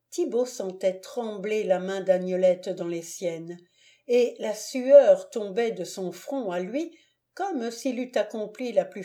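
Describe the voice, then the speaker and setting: Brief: a woman reading a classic novel aloud, measured and slow, mellow voice. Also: mid-range voice. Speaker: audiobook narrator. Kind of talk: scripted narration of a classic novel.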